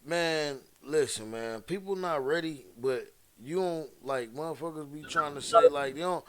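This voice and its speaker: Laid-back man, smooth voice. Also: a little high, moderate pace, no room sound. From Detroit. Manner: laid-back, slangy, emphatic. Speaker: podcast co-host. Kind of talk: casual chat.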